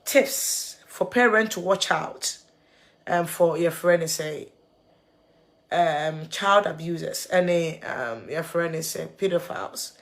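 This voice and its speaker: Ghanaian woman vlogger, tearful, earnest, halting, code-switching. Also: on the low side. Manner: earnest, mixes English and Twi, halting repeats. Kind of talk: emotional video commentary.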